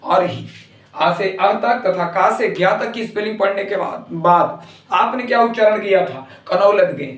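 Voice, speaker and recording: A man teaching English pronunciation in Hindi, spelling words out slowly letter by letter. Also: high voice, a bit bright, echoey room, recorded from a distance. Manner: slow, deliberate letter-by-letter explanation.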